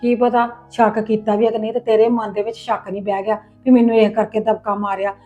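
A middle-aged woman playing a patient mother-in-law who gently advises and reassures in a family drama. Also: medium pitch, flat delivery, fast, dull audio, soft background music, close to an everyday voice. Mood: soothing. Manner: coaxing, reassuring, lecturing softly. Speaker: actor in a family web drama. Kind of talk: acted family drama dialogue.

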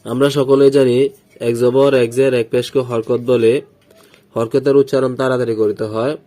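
A man with a mellow, dark-toned voice gives a step-by-step recitation lesson. He drills short syllables patiently and repeats each pattern slowly so learners can follow. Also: medium pitch, flat delivery. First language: Bengali. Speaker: Quran recitation teacher.

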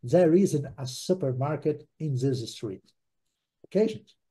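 Male teacher, higher pitch, very mellow tone; patient drill style, constant check-ins. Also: animated, takes it slowly, husky. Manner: patient, repeats words for drilling, keeps checking in with the class. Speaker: English teacher. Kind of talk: online English class in Portuguese.

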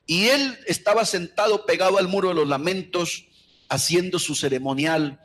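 A middle-aged man with a Colombian accent preaching a sermon, telling stories with passion and moving from hushed tones to shouts. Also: high-pitched, moderate pace. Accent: Colombian Spanish. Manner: impassioned storytelling, swinging from hushed to shouting.

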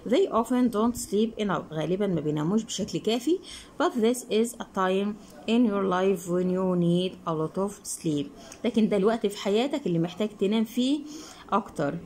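A woman with an Egyptian Arabic accent explains an English textbook lesson. She asks questions and answers them herself, and she reads the English words slowly before explaining them quickly. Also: mid-range voice, animated, a little mellow, low-quality recording. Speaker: English teacher.

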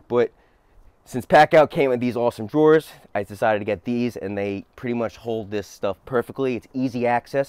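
A man's voice: mid-range voice, clear, resonant tone. Chatty young man touring his work van. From New Jersey. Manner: relaxed, chatty, many fillers and restarts. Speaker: plumber giving a van tour. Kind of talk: casual show-and-tell. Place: inside and beside a work van, outdoors.

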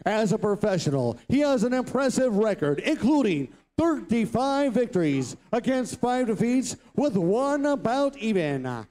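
A man working as a ring announcer, giving formal, theatrical fight introductions in a lucha libre announcer manner with drawn-out words and names. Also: very high-pitched, big pitch swings, darkish tone. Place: boxing ring in a large indoor venue.

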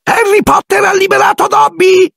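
A man voicing an excitable little male house-elf in an audiobook, shrill and squeaky, shrieking and speaking of himself by name. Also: moderate pace, gravelly, no room sound, shouting, clean studio sound, full character voice. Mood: ecstatic. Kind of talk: audiobook character voice.

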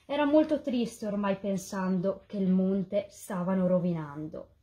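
A woman reading a rhyming children's story aloud as a volunteer reader, in a lively, sing-song delivery. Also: mid-range voice, a little slow, breathy edge.

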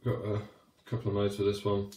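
Deep-voiced man reviewing gear. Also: completely flat delivery, a little fast, warm tone, reverberant. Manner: chatty, rambling with fillers and restarts. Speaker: cycling light reviewer. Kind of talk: casual product review. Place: small wooden shed, then a home room.

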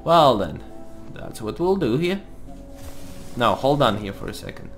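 A man's voice: mid-range voice, sing-song, a little slow. A man giving casual gameplay commentary, thinking aloud as he plays. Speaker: host of a card game let's play series. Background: music.

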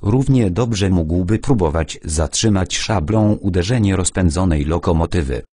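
Low husky male audiobook narrator. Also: expressive, moderate pace, mellow, dry recording, clean studio sound.

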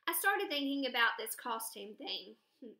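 A woman teacher reading a children's chapter book aloud expressively, pausing to ask her students questions. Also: a little high. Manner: warm, expressive, drawn-out, asks questions. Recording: echoey room.

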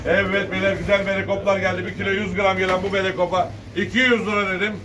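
Fast, flat, and forceful, a bright high male voice runs a fish auction, repeating weights and prices in sing-song calls for bids. Distant miking catches the clamor of the market and birds cooing nearby.

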